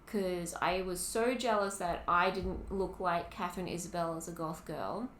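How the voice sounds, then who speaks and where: A woman's voice: on the low side, normal speed, a bit bright. Chatty Australian woman co-hosting a podcast. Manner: chatty, laughs often, lots of ums. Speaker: podcast co-host. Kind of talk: casual chat. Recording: roomy with faint ambient noise.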